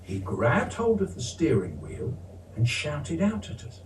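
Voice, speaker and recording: A man's voice: fairly high pitch, wildly swooping pitch, measured pace. A man telling a story in a theatrical way, acting out every character. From England. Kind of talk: animated storytelling. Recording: roomy, distant, faint hiss.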